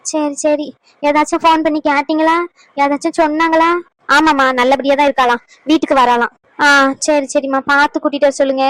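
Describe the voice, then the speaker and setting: Woman doing a sneaky cartoon schemer, high voice, fake-worried, dead dry sound. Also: little pitch movement, brisk, no room sound, natural voice, low-quality recording. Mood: feigned concern. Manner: sly gloating asides, fake worry when others listen. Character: scheming woman who secretly plots against a pregnant girl. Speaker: cartoon character.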